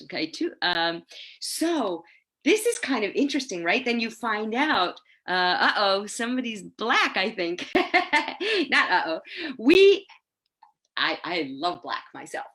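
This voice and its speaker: Woman, 60s, bright clear tone, teacher trainer, lively and laughing, webcam video call. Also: fairly high pitch, measured pace. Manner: lively, enthusiastic, laughs often. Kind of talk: online teaching webinar. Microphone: laptop webcam on a video call.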